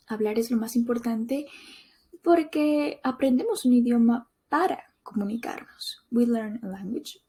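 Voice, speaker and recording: Slow, soft-voiced woman language teacher. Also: a little high, breathy edge. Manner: repeats each point in Spanish and English. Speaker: Spanish teacher. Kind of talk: bilingual language lesson.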